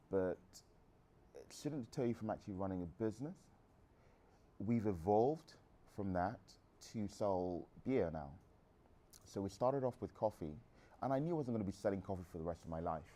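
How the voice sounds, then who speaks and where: An Englishman in his thirties speaks in a low, dark-toned voice. He's a guest entrepreneur fielding audience questions, answering frankly but rambling and often restarting his sentences.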